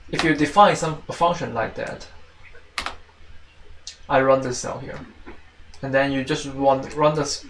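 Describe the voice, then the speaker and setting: A teaching assistant from China, speaking with a Chinese accent, gives an informal step-by-step programming tutorial, haltingly circling back to repeat and reword. His mid-pitched voice is fairly bright with a creaky edge, heard in a roomy, slightly distant recording with faint noise.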